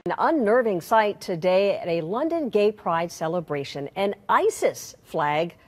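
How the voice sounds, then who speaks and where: A woman's voice: medium pitch, sing-song, a little slow. A woman reading scripted news as an anchor.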